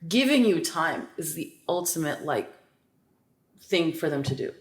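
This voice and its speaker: A woman's voice: low voice, a little slow. Chatty woman podcaster in a roomy space. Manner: chatty, animated storytelling with many "like" fillers. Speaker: podcast co-host. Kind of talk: casual chat. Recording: roomy echo.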